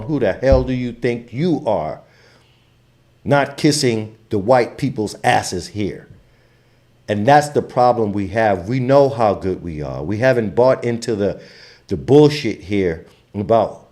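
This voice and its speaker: A man from Trinidad and Tobago, giving an impassioned, emphatic commentary as a channel host. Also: mid-range voice. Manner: impassioned, emphatic, grows louder when fired up. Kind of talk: opinionated commentary monologue.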